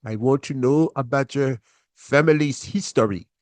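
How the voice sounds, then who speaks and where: A man voicing a stern, strict older father with an African accent, talking in a formal, demanding, measured way. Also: medium pitch, darkish tone, no echo, lightly acted.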